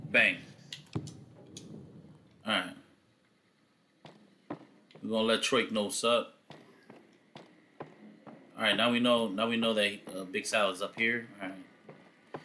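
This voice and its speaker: A man gives casual, slangy game commentary in a bright, forward voice. He rambles and thinks aloud, with faint noise and clicks behind him. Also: lowish voice, steady tone, takes it slowly, pauses often. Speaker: gamer, let's play host.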